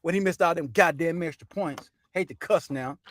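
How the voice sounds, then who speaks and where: Profane fast-ranting male sports host. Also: on the high side, heavy background noise. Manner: loose, profane, says "man" constantly. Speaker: sports talk show host. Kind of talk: casual sports rant.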